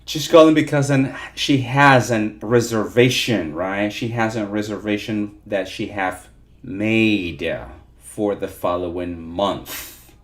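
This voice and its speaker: A man's voice: fairly low pitch, slow. A man teaching a live interactive online lesson, repeating points and often checking in with his listeners. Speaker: teacher of call-centre English.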